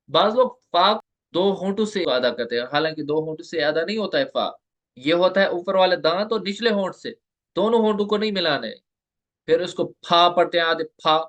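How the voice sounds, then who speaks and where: A man giving an online tajweed lesson, explaining step by step and slowly repeating the letter sounds for his students. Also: on the high side, a bit bright. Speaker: Quran recitation teacher.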